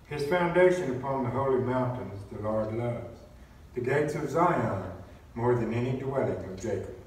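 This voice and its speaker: Lector, male, mid-pitched, measured formal reading; cathedral echo, heard from across the church. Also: lively intonation. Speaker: lector and cantor. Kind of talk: liturgical reading and chanted psalm. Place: large church. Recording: echoey church, distant mic, faint noise.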